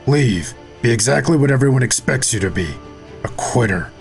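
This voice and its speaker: In an audio drama, a male actor voices a blunt, tough second-in-command soldier who sounds stern, scornful and challenging, with a gravelly voice. He speaks animatedly at normal speed in a medium pitch, over faint background music.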